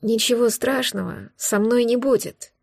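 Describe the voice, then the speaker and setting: A woman's voice: a little high, a little slow, creaky, a little mellow, dry recording. A woman voicing a wounded male dragon in human form who grumbles with dry, mocking irony, in an audiobook. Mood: grumpy, mocking. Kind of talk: audiobook dialogue.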